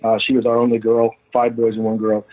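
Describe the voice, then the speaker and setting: Halting man in his fifties, on a phone line. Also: medium pitch, completely flat delivery, faint music behind. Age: 50s. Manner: halting, many fillers and restarts. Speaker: guest, foundation founder. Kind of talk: phone-in interview.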